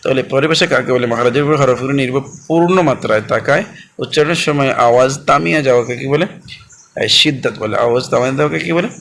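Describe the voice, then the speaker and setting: A man teaching a Quran recitation lesson. He repeats every point, quizzes the listeners and spells out letter sounds slowly. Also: medium pitch, fairly bright tone. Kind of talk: classroom lesson.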